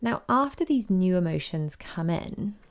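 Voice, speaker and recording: A woman's voice: fairly low pitch, animated, a little slow. A woman, hosting a podcast and chattily retelling a story with quoted voices. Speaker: podcast host. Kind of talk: casual chat.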